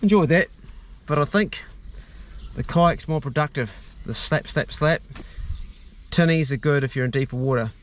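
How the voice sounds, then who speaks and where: A slightly high-pitched man with a thick New Zealand accent chats casually at a moderate pace, vlogging outdoors with plenty of slang and mateyness. He's on a farm and a small boat, and the audio is loud with wind and boat noise.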